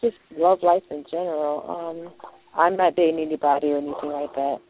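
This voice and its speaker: A woman's voice: low voice, fairly even intonation, brisk. A woman in her thirties from Louisiana, calling in and asking hesitantly about her love life. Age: 30s. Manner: hesitant, with many ums. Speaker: caller. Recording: tinny phone line.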